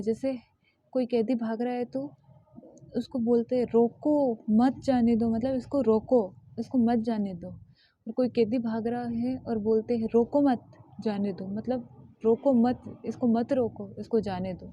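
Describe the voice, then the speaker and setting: A woman teacher explaining a grammar lesson step by step, often pausing to repeat terms. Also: a little high, fairly even intonation, warm tone, no room sound. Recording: dull lo-fi sound.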